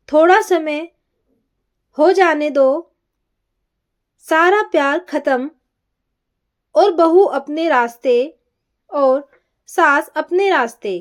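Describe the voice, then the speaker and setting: A woman storyteller narrating a family story in a gentle, measured reading style. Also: high-pitched.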